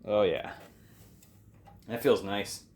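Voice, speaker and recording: Slow and a little mellow, a man's lowish voice drifts through casual, unscripted commentary. He hosts an electronics repair vlog from a basement workspace, working hands-on while rambling and being self-deprecating.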